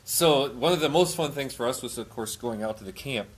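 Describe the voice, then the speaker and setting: A man with a husky edge to his voice hosts a live missionary interview. He stumbles over his phrasing, repeats words, and laughs easily. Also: medium pitch, brisk. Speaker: missionary host.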